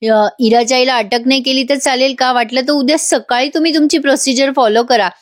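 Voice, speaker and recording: A calm, earnest young daughter who argues gently and persuasively, as a woman reads her lines. The voice is fairly high, and the recording is dry and close. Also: a little fast, no echo, natural voice.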